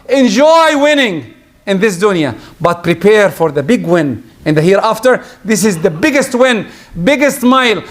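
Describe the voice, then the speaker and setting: A native Arabic speaker leads Friday prayers as preacher, his high voice full of life. He alternates sermon passages with brisk Arabic recitation and prayers.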